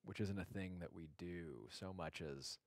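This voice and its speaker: This meditation guide has a very deep male voice full of vocal fry and talks in a relaxed, conversational manner. He comes across as soft and contemplative, breaking his phrases and leaving long silences, all captured in a dry recording with barely any room ambience.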